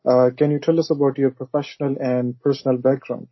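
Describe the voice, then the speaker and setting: A man's voice: mid-range voice, flat delivery, brisk, slightly rough, dry recording. A man hosting a podcast interview, reading a scripted intro with hesitant fillers. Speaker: podcast host. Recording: dry, dull lo-fi audio.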